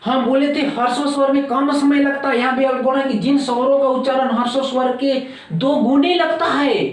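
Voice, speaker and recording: A man's voice: very high-pitched, steady tone, moderate pace. Echoey, far-off male teacher. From India. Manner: repeats words, urges viewers to note it down. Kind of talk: exam-prep grammar lesson. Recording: echoey room, voice off-mic.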